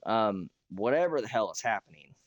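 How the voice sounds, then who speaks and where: An American man with a hoarse, rough throat, chatting casually and ramblingly as he hosts a gaming livestream, often clearing his throat. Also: on the low side, lively intonation, moderate pace, no echo. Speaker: streamer hosting a Minecraft realm.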